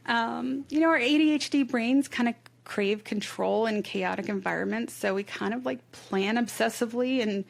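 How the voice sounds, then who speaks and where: Chatty woman with vocal fry. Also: a little high, moderate pace, hardly any pauses. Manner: chatty storyteller, heavy use of "like". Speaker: podcast host. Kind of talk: casual podcast chat.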